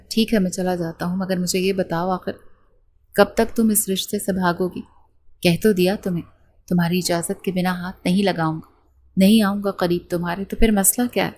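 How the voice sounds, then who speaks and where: Brief: patient young husband, soft persuading tone, woman narrator doing him. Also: fairly low pitch, slight background noise, close to an everyday voice. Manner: soft, coaxing.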